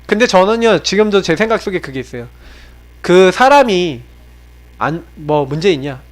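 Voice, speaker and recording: In a church sanctuary, a man from South Korea delivers a sermon as pastor to his congregation. He speaks at a normal speed in a sing-song way, alternating between loud exhortation and quiet confiding, with plenty of rhetorical questions.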